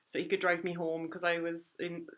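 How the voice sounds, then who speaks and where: A woman's voice: on the low side, flat delivery, normal speed, fairly bright tone. A Welsh woman chatting casually over a video call, telling stories and laughing often. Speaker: guest. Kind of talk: casual chat.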